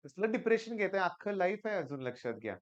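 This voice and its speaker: A man's voice: high voice, big pitch swings, quick pace, muffled recording. Tired Marathi man in his forties. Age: 40s. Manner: earnest, reassuring, repeats "okay?" often. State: tired, voice weaker than usual. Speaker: teacher. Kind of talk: motivational talk to students.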